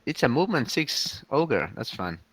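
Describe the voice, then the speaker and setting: A man hosting a casual game recap, easygoing and agreeable, pausing often with fillers. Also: medium pitch, big pitch swings, a bit bright, no echo. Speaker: host. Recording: dry close sound.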